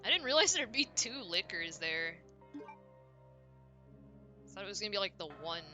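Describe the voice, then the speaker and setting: A woman's voice: medium pitch, big pitch swings, normal speed, bright, forceful tone, faint music behind. A woman streaming a horror game, chatting casually and reacting aloud as she plays, self-deprecating and talkative. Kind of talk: casual gameplay commentary.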